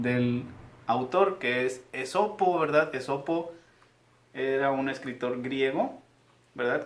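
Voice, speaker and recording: A male teacher, reading aloud to young pupils in a patient, guiding way. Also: mid-range voice. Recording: echoey room.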